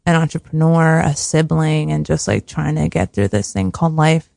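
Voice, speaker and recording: Soft-spoken woman with a creaky voice. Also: low-pitched, animated, normal speed, no echo, studio quality. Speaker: podcast guest. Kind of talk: casual conversational interview.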